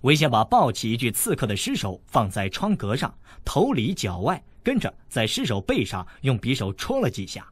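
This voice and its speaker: A man narrating a novel as an audiobook, telling the story lively. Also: medium pitch, moderate pace, hardly any pauses, slightly rough, no room sound.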